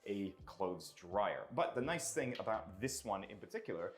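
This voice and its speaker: A man's voice: fairly low pitch, big pitch swings, normal speed. A man presenting a property tour in a casual, explanatory way, with chatty asides as he goes.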